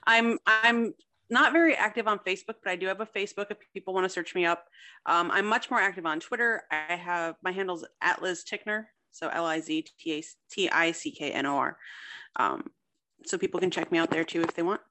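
A young woman, a fiction writer and contest winner, chats casually as a guest in an interview. Her voice is on the low side, fairly quick, and sharp in tone, and her manner is talkative and self-deprecating.

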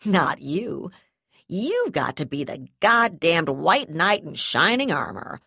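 A woman's voice: on the low side, animated, normal speed, fairly bright tone, no echo, clean studio sound. A woman voicing a snarling, cornered brigadier. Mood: sneering, furious. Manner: snarling, profane threats. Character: brutal, cornered female gendarme brigadier.

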